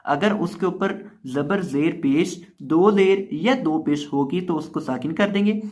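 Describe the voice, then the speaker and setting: A man's voice: on the high side, unhurried, a little mellow. A man teaching Quran reading in a recorded lesson, patiently spelling out letters and then reciting each word aloud with emphasis.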